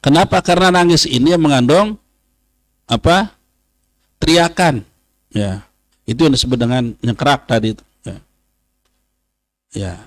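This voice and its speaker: A man, teaching a religious study session, who says Arabic phrases slowly and then explains them. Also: mid-range voice, animated, no room sound. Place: pesantren study hall.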